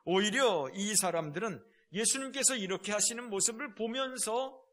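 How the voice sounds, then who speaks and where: A male pastor preaching a sermon in a lively way, acting out quoted lines in shifting tones. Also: high-pitched, normal speed.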